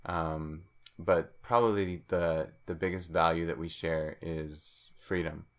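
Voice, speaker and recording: Very deep-voiced man, relaxed guest. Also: takes it slowly. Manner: thoughtful, with frequent fillers and restarts; speaks some French. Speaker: podcast guest. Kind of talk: casual interview chat.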